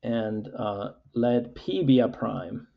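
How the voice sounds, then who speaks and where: A man, a mathematics professor, lecturing with frequent "uh" fillers in a measured, explanatory way. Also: medium pitch, vocal fry, highs cut off.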